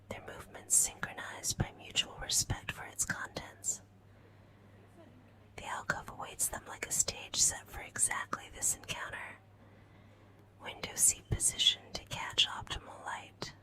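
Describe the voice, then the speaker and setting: A woman narrating a scripted story as ASMR in a breathy whisper, with measured phrasing and pauses. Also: rough recording.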